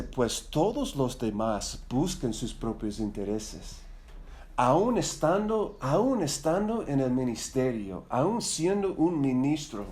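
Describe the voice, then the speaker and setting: Speaking in a darkish, mid-range voice, a middle-aged non-native Spanish speaker teaches a Bible study to church leaders. He's chatty and conversational, wandering through his points, repeating words, and often tagging questions to get agreement.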